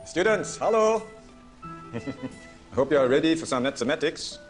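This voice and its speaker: A man's voice: on the high side, expressive, moderate pace, over loud music, close to an everyday voice. An actor playing a polite, formal maths teacher who welcomes his visitors courteously. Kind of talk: film dialogue. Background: film score.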